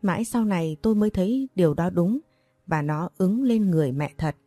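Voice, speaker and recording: A woman reading a first-person story aloud in a measured, emotive storytelling manner. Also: fairly low pitch, animated, mellow, no echo, faint music behind. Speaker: audiobook narrator.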